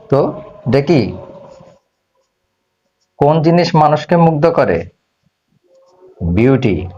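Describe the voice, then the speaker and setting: A man's voice: mid-range voice, a little mellow, slight background noise. Man teaching English grammar. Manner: asks questions and answers them himself; slows down to spell out English words. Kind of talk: grammar lesson. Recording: slightly dull lo-fi audio.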